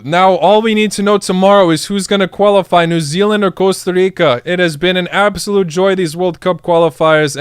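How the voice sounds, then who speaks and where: A man's voice: a little high, clean tone, no room sound, studio quality. A young man streaming a live football reaction, hyped up, cheering and talking to his chat. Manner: hyped, chants and cheers, addresses chat as guys. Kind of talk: excited live match reaction.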